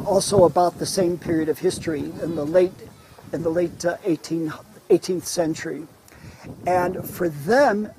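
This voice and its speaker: A man's voice: high-pitched, mellow, slight background noise, low-quality recording. A man leading a live online walking tour, lecturing with frequent fillers and restarts, recorded outdoors in a city neighborhood. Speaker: tour guide.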